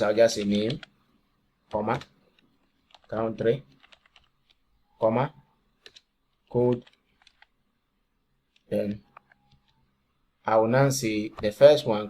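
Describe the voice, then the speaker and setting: A man's voice: lowish voice, fairly even intonation, takes it slowly, pauses often, a little mellow, a little hiss or hum. A man from Ghana teaching a beginner coding lesson, walking through each step and asking himself questions before answering them. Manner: talks step by step, asks and answers own questions. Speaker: programming tutor. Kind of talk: screen-recorded coding tutorial.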